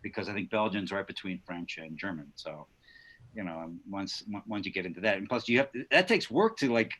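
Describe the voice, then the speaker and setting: Actor, male, low voice, hesitant delivery. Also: animated, brisk, fairly bright tone. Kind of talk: casual video-call chat.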